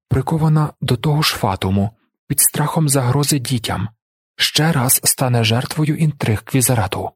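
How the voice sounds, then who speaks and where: A man's voice: breathy edge, no echo, studio quality. A man voicing a grave, restrained ruler. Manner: restrained, calm, low-voiced. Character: grave, controlled blind male ruler.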